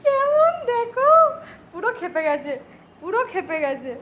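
A woman's voice: extremely high pitch, sing-song, moderate pace, slight background noise. A woman talking baby talk to her pet dog at home, sing-song and doting, repeating her phrases.

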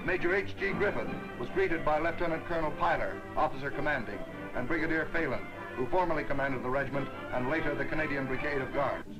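A man's voice: on the high side, rough recording. 1940s newsreel narrator, man, over music. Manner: brisk, ceremonial announcing of names and honours. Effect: old 1940s newsreel sound.

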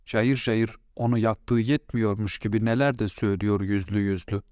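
Low-voiced man reading a story. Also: fairly even intonation, normal speed, darkish tone, no echo, clean studio sound. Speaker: audiobook narrator. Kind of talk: storytelling narration.

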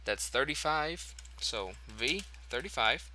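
A man's voice: mid-range voice, expressive, takes it slowly, sharp tone, slight background noise. A man hosting a casual game tutorial, chatty and thinking aloud as he corrects himself. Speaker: tutorial host.

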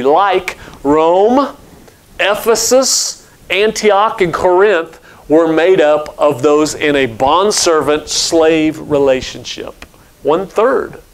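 An older man, a pastor, preaching a steady explanatory sermon from a church pulpit on a headset mic. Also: high voice. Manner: explanatory teaching, steady and measured.

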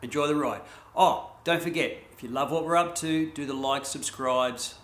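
A man's voice: on the high side, normal speed, fairly bright tone, slight background noise. Chatty Australian man in an echoey garage. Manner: chatty, laid-back, lots of ums. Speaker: host. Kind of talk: casual DIY vlog. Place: home garage workshop.

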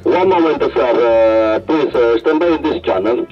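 A man's voice: mid-range voice, measured pace, music in the background. A port control operator, a man, gives short, hesitant procedural replies over a marine radio. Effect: heard over a marine VHF radio. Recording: dull, distant marine radio sound.

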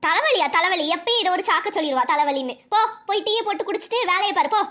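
A woman's voice: very high-pitched, expressive, quick pace, sharp tone, heavily acted. A woman voicing a grumbling, nagging old mother-in-law in a cartoon, with a southern Tamil Nadu accent. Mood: scolding. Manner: scolding, complaining.

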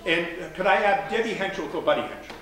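Pastor in a very echoey church. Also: male voice, sits high, lively intonation, brisk, over a noisy crowd. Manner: chatty and joking between formal prayer. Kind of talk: church announcements and prayer. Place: large church sanctuary. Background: congregation murmuring.

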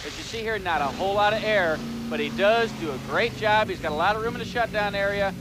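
A man giving color commentary on monster truck races, with excitable, folksy analysis. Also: sits high, fast talker, noisy background. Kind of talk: sports commentary.

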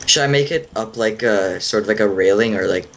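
A man's voice: fairly low pitch, fairly quick, fairly bright tone, a little hiss or hum. A man joking and teasing his friends during a casual gaming session. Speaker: player in a game series.

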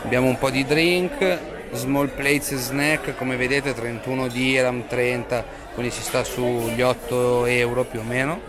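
A man's voice: mid-range voice, little pitch movement, a little slow. A young man chatting casually to camera as a food vlogger, addressing his viewers with jokes while he eats in a busy restaurant, filmed on a small handheld camera mic at arm's length. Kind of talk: casual vlog talk to camera. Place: busy restaurant in a shopping mall. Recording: noisy crowd and music behind. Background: loud crowd chatter and music.

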